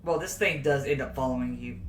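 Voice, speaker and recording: A man's voice: mid-range voice, brisk. A man as game master, casually narrating what happens to the players in a tabletop game. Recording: echoey room with faint noise.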